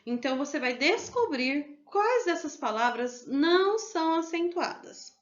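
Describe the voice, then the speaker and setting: Lady teacher explaining slides to kids, a bit high, kinda muffled audio. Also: lively intonation, unhurried. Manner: patient, explanatory, frequent check-ins. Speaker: primary school teacher. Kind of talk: recorded remote lesson over slides. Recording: dull lo-fi home recording.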